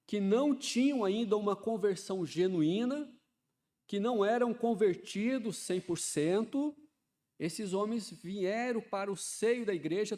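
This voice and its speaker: A man, preaching a sermon in a chatty style that swells into loud, fervent emphasis. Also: sits high. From Ceará, Brazil. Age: 50s. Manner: conversational preaching, often adds "né", builds to loud fervent emphasis.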